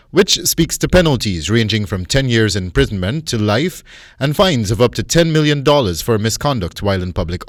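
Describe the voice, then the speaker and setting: A man's voice: fairly low pitch, no echo, clean studio sound. A man with a Guyanese accent reading scripted narration as a news reporter.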